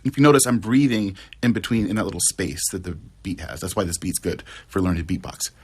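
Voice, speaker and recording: A man's voice: sits low, quick pace, heavy background noise. Laid-back man teaching beatboxing. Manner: slangy and relaxed, swears casually. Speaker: music teacher. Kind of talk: casual video lesson.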